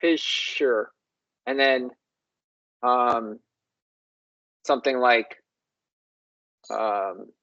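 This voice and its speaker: A language show host who muses slowly and says words aloud to compare how they sound. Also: mid-range voice, highs cut off. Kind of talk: slow, exploratory discussion of word sounds.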